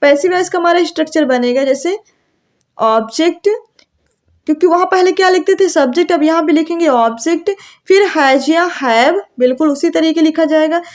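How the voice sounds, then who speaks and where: A young woman with a very high voice teaches an English grammar lesson. She asks questions and answers them herself, drawing out her example sentences slowly.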